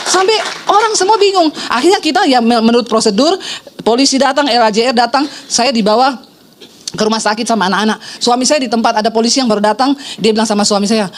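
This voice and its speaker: Preaching in a high-pitched voice, a middle-aged female pastor narrates a story and brings it to life by switching into the voices of those she quotes.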